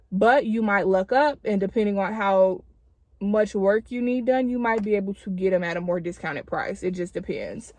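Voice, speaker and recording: A woman's voice: mid-range voice, no echo. A woman talks casually to her viewers as a vlogger, using informal, girlfriend-like slang. She is wearing retainers as she speaks, which slightly impedes her words. The sound is close and dry, with a mid-range voice. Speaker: video creator addressing subscribers. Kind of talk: casual chatty vlog talk to camera.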